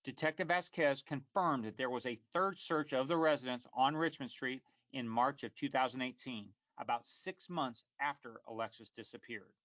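A man delivers scripted true crime narration as the host, in a measured and formal reporting manner. His middle-pitched voice sits very dry and close. The recording is slightly dull on top. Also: a bit bright, no room sound.

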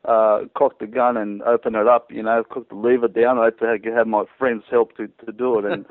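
A man's voice: mid-range voice, level tone, a little fast, no echo. A man from Croatia, a guest on a hunting podcast, telling stories in a rambling, hesitant way. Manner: rambling, hesitant, chuckling storyteller. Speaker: guest hunter. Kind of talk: casual interview storytelling. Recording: tinny phone-line call.

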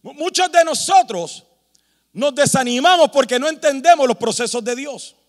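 A man's voice: very high-pitched, expressive, moderate pace, in a large hall. A man preaching a sermon with emphasis, rhetorical questions and humorous asides. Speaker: pastor.

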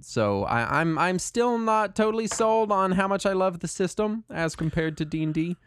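A man's voice: sits high, lively intonation, moderate pace, a little hiss or hum. A man, chatting casually as a podcast co-host in a hesitant, rambling way. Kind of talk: casual chat.

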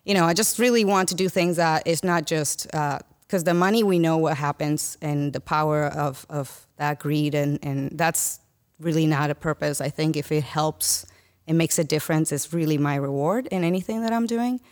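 A woman's voice: deep voice, moderate pace. A woman from the Dominican Republic, a guest on a podcast, talking casually with many fillers and restarts. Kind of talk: casual conversation.

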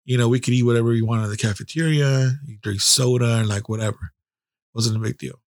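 A man's voice: mid-range voice, steady tone, brisk, dry recording, clean studio sound. A man hosting a podcast who tells blunt, heavily profane personal stories and laughs at himself. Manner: self-deprecating, with frequent restarts. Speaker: podcast host. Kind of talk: candid personal storytelling.

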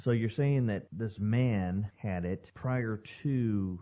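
A man's voice: fairly low pitch, slow pace. A man co-hosting a podcast, presenting segments and reading promos. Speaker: podcast co-host. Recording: narrow phone-like sound, music behind.

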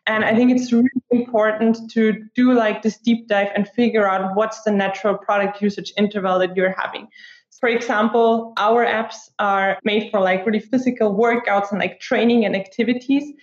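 In a relaxed interview, a woman in her twenties who markets apps answers in a medium-pitched voice at a moderate pace with fairly even intonation, often using fillers like "like." Her first language is German and her accent Austrian. The recording is remote, roomy, and muffled.

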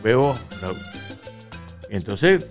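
An older man, a guest on a radio show, telling anecdotes in a relaxed way, with many pauses and fillers. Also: mid-range voice, soft background music. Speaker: guest singer.

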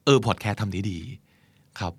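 A man in his thirties hosting a podcast in a relaxed, storytelling way that slips into easy laughter. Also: brisk, no echo. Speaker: podcast host. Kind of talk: casual podcast chat.

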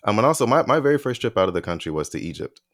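Deep-voiced enthusiastic male podcast host. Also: big pitch swings, very fast, a bit bright, no echo. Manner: enthusiastic, filler-heavy. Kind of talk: casual interview chat.

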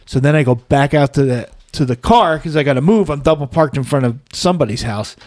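A man's voice: mid-range voice, brisk, a little mellow, no echo. A man co-hosting a podcast, telling long self-mocking anecdotes in a casual, chatty way. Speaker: podcast co-host. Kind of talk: casual chat, storytelling. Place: podcast studio. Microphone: podcast mic.

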